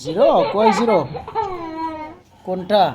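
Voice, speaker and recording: A woman patiently quizzing a young child at home, repeating her questions and coaxing answers, sometimes gently scolding. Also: mid-range voice, slow, a crowd in the background. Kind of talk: casual home video chat with a child.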